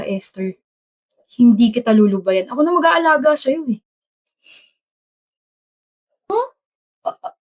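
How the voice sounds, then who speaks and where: A woman's voice: a little high, a little mellow, lightly acted. A woman acting out a romantic skit, trading teasing, bickering lines. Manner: teasing, bickering back-and-forth. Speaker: skit actor. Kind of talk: scripted romantic skit dialogue.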